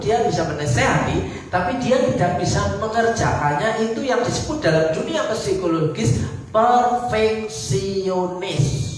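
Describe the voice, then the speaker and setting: Man, pastor, Javanese-tinged Indonesian accent, high voice, echoey church hall. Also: recorded from a distance, a little hiss or hum. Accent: Javanese-influenced Indonesian. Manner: animated preaching, rhetorical questions to the congregation. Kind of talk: sermon. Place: church hall, livestreamed service.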